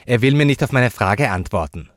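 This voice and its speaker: A man voicing a cheeky, foul-mouthed little girl who talks loud and blunt in a storybook reading. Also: mid-range voice, animated, fairly quick, no room sound, studio quality, voice pushed up, lightly acted. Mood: defiant.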